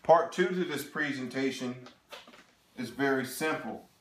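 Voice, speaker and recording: A man in his thirties giving a sales seminar presentation, animated and talking straight to the audience with frequent check-ins. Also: medium pitch, a little slow, a little hiss or hum. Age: 30s. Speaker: financial presenter. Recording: echoey room.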